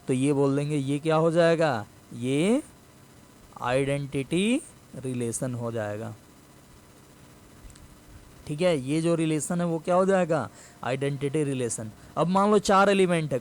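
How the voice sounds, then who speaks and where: High-voiced maths teacher. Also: male voice, a little mellow. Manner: explains step by step, repeats key phrases slowly, asks and answers own questions. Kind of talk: classroom maths lesson.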